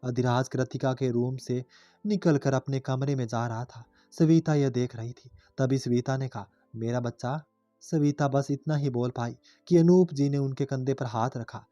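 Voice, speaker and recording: A man narrating a family story in a calm, steady way. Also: medium pitch, normal speed, dry recording. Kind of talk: scripted narration. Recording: slightly dull lo-fi audio with faint music.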